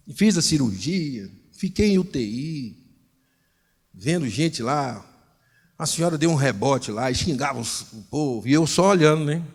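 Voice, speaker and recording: High-voiced Brazilian pastor in a reverberant church. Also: male voice, slightly rough. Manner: lively storyteller acting out dialogue. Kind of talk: storytelling sermon. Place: church hall. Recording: long reverb in a church hall.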